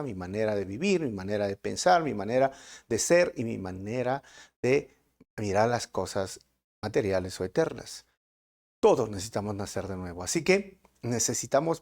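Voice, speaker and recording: Male pastor, Peruvian Spanish accent, gravelly voice, lively pitch, sermon with rhetorical questions. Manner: animated preaching with rhetorical questions. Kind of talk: verse-by-verse sermon.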